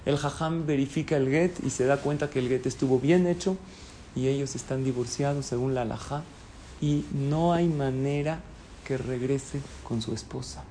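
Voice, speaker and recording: A man's voice: mid-range voice, moderate pace, dark tone, slight background noise. A man telling a religious moral story, acting out the characters as he goes. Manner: dramatic storytelling, acts out the characters' pleading.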